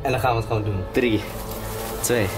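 A man's voice: mid-range voice, fairly even intonation, a little fast. A young man chatting casually to a handheld camera as a vlog host, recorded inside an abandoned bunker. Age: young adult. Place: abandoned concrete bunker at night. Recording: loud music over the voice.

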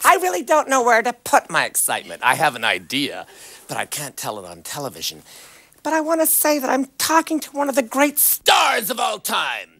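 A man's voice: wildly swooping pitch, a little fast, vocal fry, pushed and bright, exaggerated voice. An actor playing a pompous, clueless male celebrity interviewer who gushes, rambles and makes catty asides. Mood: gushing. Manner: gushing, rambling, swooping pitch, catty asides. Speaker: talk show host. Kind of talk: improvised comedy interview.

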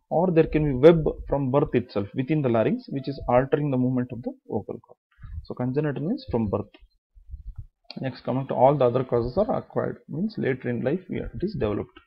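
A man's voice: medium pitch, breathy edge, muffled recording. A man giving a medical lecture, explaining step by step, repeating key terms and asking then answering his own questions.

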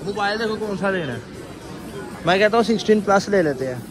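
A man's voice: high voice, animated, brisk, over music, low-quality recording. Teasing Punjabi-accented young man vlogging. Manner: joking, teasing, chatty. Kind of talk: casual vlog. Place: busy shopping mall and outdoor promenade. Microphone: phone camera at arm's length. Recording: crowd and street noise behind. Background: crowd chatter.

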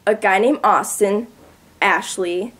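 A woman's voice: medium pitch, slow pace, fairly bright tone. A teenage girl guesting on a casual podcast, telling stories chattily and laughing along the way. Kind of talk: casual storytelling.

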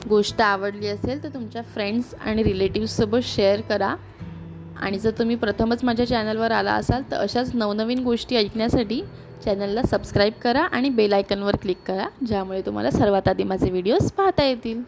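A woman's voice: mid-range voice, fairly even intonation, brisk, over music. A woman narrating a children's story, reading aloud expressively.

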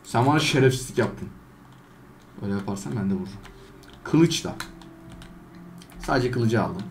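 A man doing gameplay commentary, trash-talking game characters and swinging between loud outbursts and low mutters. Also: animated, normal speed, a little hiss or hum. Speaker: gaming YouTuber.

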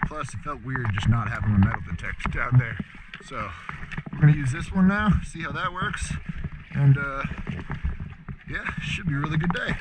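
A man's voice: medium pitch, moderate pace, long pauses. A man in his thirties, an eager treasure-hunting diver, talking casually to his vlog audience in an upbeat way. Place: outdoors by and in a lake. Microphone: action camera, worn or at arm's length. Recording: outdoor action camera with clear background noise.

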